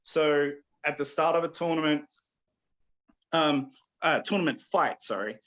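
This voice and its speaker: A man with a slightly raised pitch gives a casual lesson over a video call. He rambles, leans on "like" as a filler and keeps clearing his throat. He comes from Australia or New Zealand. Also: unhurried, a bit bright. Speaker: combat instructor. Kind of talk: casual virtual class talk.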